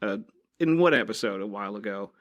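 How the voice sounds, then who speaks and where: A man's voice: fairly low pitch, animated, quick pace. A man co-hosting a gaming podcast in casual chat, with sarcastic, crude jokes. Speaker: podcast co-host.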